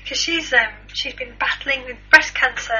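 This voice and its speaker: Co-host: woman, higher voice, bright and husky, agreeable chatter, muffled lo-fi recording. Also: normal speed. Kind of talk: casual news chat.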